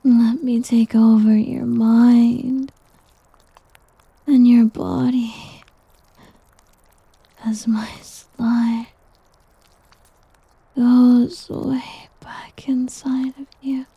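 A woman voicing a doting, possessive slime creature in an ASMR roleplay, whispering softly and teasingly. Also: on the high side, little pitch movement, drawn-out words, pauses often, dry recording, full character voice. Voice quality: breathy. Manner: soft whispering, teasing and coaxing. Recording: dull lo-fi audio.

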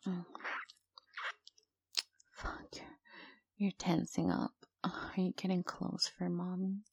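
A woman whispering close to the mic in a slow, cooing voice that is breathy with a gravelly edge. Her tone sits low and mellow, with little rise and fall, and the sound is dry and close. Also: little pitch movement, dry recording. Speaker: audio roleplay performer. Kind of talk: whispered intimate audio roleplay.

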